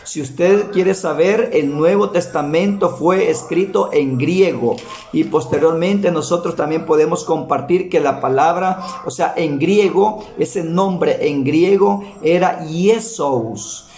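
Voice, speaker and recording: A man preaching a Bible teaching in a slow, deliberate way, repeating key words for emphasis. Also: a little high, a little mellow, roomy sound.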